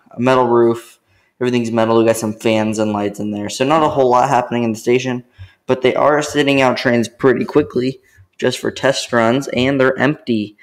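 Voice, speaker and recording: A young man narrating his theme park vlog as a voice-over, eager and rambling, often restarting his sentences. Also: medium pitch.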